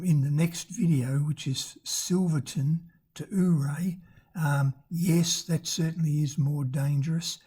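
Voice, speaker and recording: A travel vlogger whose sex is hard to tell from the voice narrates off the cuff and hesitantly. The voice is thin and squeaky, roughened by damaged vocal cords, with a mellow quality.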